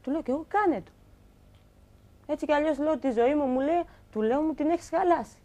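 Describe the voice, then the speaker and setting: An emotional story is told by a young woman guesting on a talk show, her fairly high voice animated throughout. When she quotes someone, she acts the line out.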